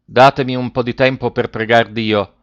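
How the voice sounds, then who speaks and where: A man's voice: mid-range voice, little pitch movement, normal speed, no room sound, lightly acted. A man voicing a frightened young wife who pleads tearfully for her life. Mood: pleading. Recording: dry, slightly muffled recording.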